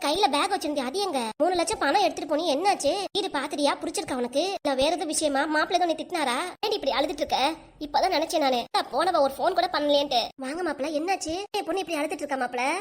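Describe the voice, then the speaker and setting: A woman's voice: sits high, lightly acted. Woman as a fussy scolding grandmother. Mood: worried, arguing. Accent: southern Tamil, Kanyakumari. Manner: rapid, nagging and complaining. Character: scolding, fussy older grandmother and mother-in-law. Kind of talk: cartoon voice acting.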